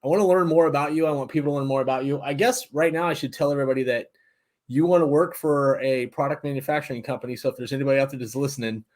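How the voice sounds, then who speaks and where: A man's voice: medium pitch, steady tone, rapid-fire, darkish tone. A man hosting a casual podcast, chatty and self-deprecating, asking loose, wandering questions. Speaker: podcast host. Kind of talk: casual interview chat.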